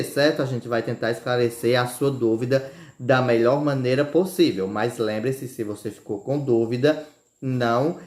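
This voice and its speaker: A male teacher recording a remote grammar lesson at home, explaining slowly and checking in with his students after almost every phrase. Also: medium pitch, a little mellow, echoey room. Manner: repeats "certo?" after nearly every phrase, slow deliberate explanation. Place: room at home by a street.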